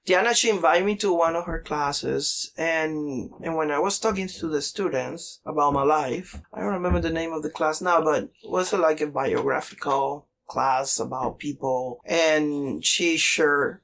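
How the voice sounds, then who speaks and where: A man's voice: fairly high pitch, a little slow, vocal fry, few pauses, a bit bright. A man in his forties from Cuba, a native Spanish speaker with a Cuban Spanish accent, telling his story in an interview in broken English, full of fillers and restarts, acting out other people's lines. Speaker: interview guest. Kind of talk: conversational storytelling.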